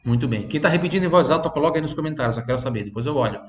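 A man's voice: fairly high pitch, expressive. Patient man teaching language. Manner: patient, repeats phrases slowly for learners to copy. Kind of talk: online language lesson. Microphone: desk microphone. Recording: roomy, slightly dull sound.

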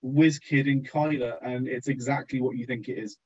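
A man's voice: medium pitch, steady tone, normal speed, slightly rough, muffled recording. A man co-hosting a podcast in casual chat, joking around and rambling with lots of ums. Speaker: podcast co-host.

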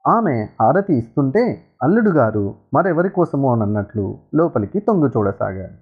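Guy reading a story out, very lively up and down voice, sounds like over a phone. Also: medium pitch, moderate pace, narrow, tinny audio, soft background music. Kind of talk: storybook narration.

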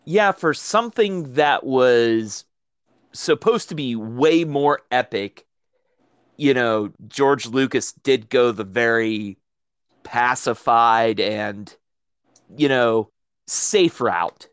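Man, slow deliberate pace, dry close sound, casual film chat, agreeable. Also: mid-range voice, clear, resonant tone, no echo.

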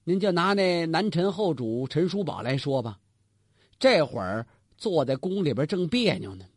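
A male storyteller, performing a traditional tale straight to his listener. His voice sits high and a bit husky, swinging widely as he asks and answers his own questions. The recording is close and dry. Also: sing-song, moderate pace, no echo.

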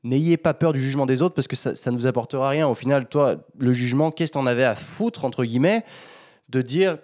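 A man's voice: mid-range voice, fairly quick, darkish tone. A man hosting a casual interview, enthusiastic and reflective, slipping in English phrases. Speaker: host.

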